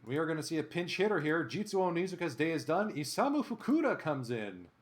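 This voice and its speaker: Talking fast in a fairly high voice, a man streams himself playing a baseball video game. He narrates each play like an animated sportscaster and chats with viewers between the action.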